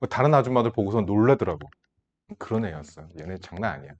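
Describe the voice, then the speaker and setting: Brief: male math teacher in his 30s, casual and teasing with his class, pitch jumps around a lot. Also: lively intonation, quick pace, a little mellow, dull audio, a little hiss or hum. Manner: casual, teasing, talks down to students like a big brother. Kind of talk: classroom lecture with side stories.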